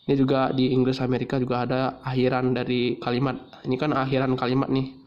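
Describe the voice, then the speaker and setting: A man teaching English in a relaxed video lesson, pausing often with fillers and restarting his sentences. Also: mid-range voice, highs cut off, a little hiss or hum. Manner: hesitant, many fillers and restarts. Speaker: English tutor.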